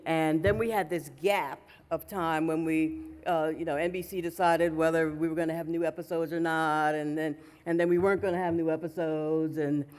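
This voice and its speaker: Chatty woman moderating in an echoey hall. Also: fairly low pitch. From New York. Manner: chatty and loose, with frequent fillers. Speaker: panel moderator. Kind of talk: casual panel moderation. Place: convention panel hall.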